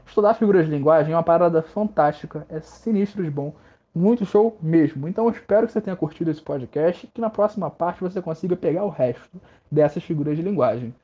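A man's voice: a little high, fast, lo-fi sound. Laid-back Brazilian man teaching literature. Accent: Brazilian Portuguese. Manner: relaxed, slangy and joking, teasing himself. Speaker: literature teacher and podcast host. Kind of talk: casual podcast lesson.

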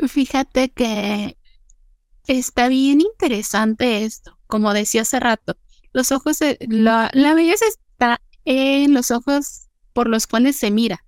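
A woman's voice: a little high, a little slow, smooth, no echo. A woman, co-hosting a reflective podcast chat and talking earnestly about process and small details. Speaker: podcast co-host.

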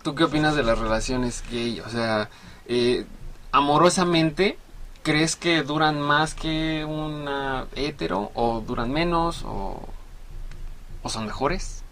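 Joking Mexican man with a bright voice. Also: fairly high pitch, slow, slight background noise. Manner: relaxed, joking, trails off mid-sentence. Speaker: podcast host. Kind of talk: casual podcast chat.

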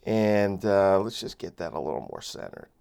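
A man's voice: sits low, big pitch swings, moderate pace, gravelly, a little mellow, smooth. A man in his late twenties hosting a casual solo podcast, rambling with many fillers and restarts, recorded on a microphone. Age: late 20s. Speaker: podcast host. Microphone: phone camera and separate microphone.

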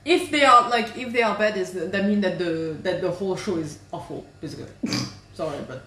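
A woman co-hosting a casual podcast chat from her kitchen, talking in quick restarts and laughing as she goes. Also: fairly low pitch, bright, forceful tone. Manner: chatty, restarts often, laughs while talking. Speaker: podcast co-host. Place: home kitchen. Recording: echoey kitchen.

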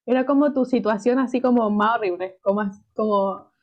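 A woman's voice: fairly high pitch, a little fast. A young woman co-hosting a casual podcast, chatty and giggly, full of "como que" fillers. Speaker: podcast co-host. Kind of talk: casual chat. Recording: slightly dull lo-fi sound.

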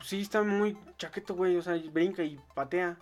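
A young man with a Mexican accent chatting casually about comics, slangy and quick to laugh. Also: sits high, faint music behind. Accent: Mexican Spanish. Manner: slangy, laughs often, lively imitations. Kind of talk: casual chat.

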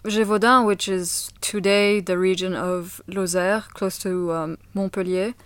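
A woman's voice: medium pitch, steady tone, a little slow, clear, resonant tone, no room sound. A woman chatting casually as a co-host, giving short replies and helping pronounce French names. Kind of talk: casual chat.

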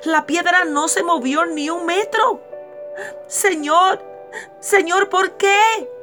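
Worn-out laborer in a read-aloud parable, played by a woman, high, tearful and pleading. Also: steady tone, slow, pushed and bright, faint music behind, heavily acted. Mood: weeping lament. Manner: pleading, lamenting. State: crying. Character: weary laboring man, weeping and complaining.

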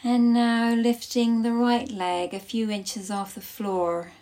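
Leading a guided yoga nidra class, a female instructor speaks soothingly in short instructive phrases separated by long pauses. Her voice is medium-pitched and mellow.

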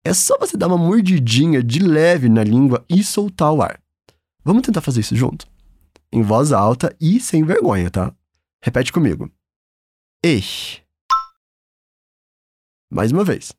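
A man's voice: fairly high pitch, sing-song, normal speed, a little mellow, husky, dry recording. A man with a Brazilian accent teaching a German lesson in a patient, encouraging, upbeat way. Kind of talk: language lesson.

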